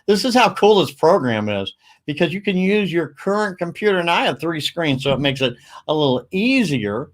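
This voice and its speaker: A man hosting a casual livestream, talking in a rambling, upbeat way with quick asides. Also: a little high, sing-song. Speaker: livestream host.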